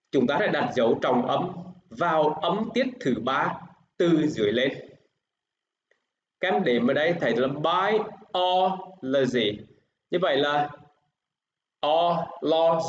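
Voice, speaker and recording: Vietnamese man teaching English, echoey room. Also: on the high side. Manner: slow in English, quick when explaining in Vietnamese. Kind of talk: bilingual classroom lesson. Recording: echoey, dull, faint hiss.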